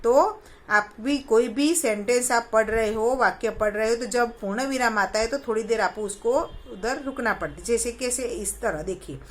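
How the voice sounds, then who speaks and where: A woman primary school teacher with a voice on the high side sounds out Hindi letters syllable by syllable for young children at a moderate pace. She quizzes the class and mixes English words into her Hindi.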